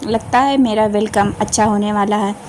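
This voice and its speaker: A woman voicing a gentle young romantic husband who speaks softly and tenderly in an audiobook. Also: medium pitch, fairly even intonation, moderate pace, slight background noise, lightly acted. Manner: soft, tender, teasing.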